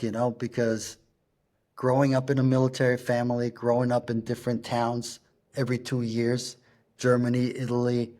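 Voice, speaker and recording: A middle-aged man, a punk rock singer, talking as a guest in a casual interview, halting and searching for words as he tells stories. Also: mid-range voice, a little mellow.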